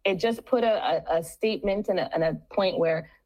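A woman who teaches steel pan, speaking as a guest in a radio interview in an earnest, halting way with many restarts. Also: medium pitch, a little mellow, low-quality recording.

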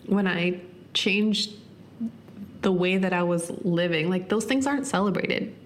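This solo podcast host is a woman in her 30s with a lowish voice, and a little background noise can be heard. Her talk is sincere and thoughtful, packed with "like," and her pace quickens and eases to stress points.

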